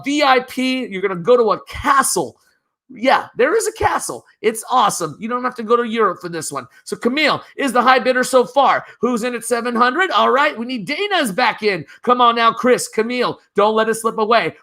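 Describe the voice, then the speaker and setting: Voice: mid-range voice, bright, forceful tone. A charity auctioneer calling a live virtual auction, upbeat and urging bidders on by name. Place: virtual gala broadcast.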